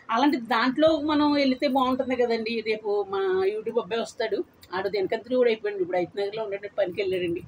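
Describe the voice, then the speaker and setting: A woman's voice: a little high, a little mellow, slight background noise, poor audio. A woman in her eighties chatting bluntly and at length to her viewers in a casual vlog. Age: 80s. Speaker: vlogger. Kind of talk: casual chat to camera.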